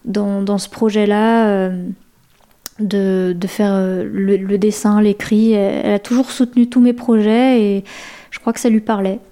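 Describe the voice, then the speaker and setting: A young woman speaks as a guest on a radio interview, her voice mellow and warm at an everyday pitch. She searches for words, repeats herself and restarts sentences as she talks. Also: level tone, measured pace. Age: young adult. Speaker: guest author and illustrator.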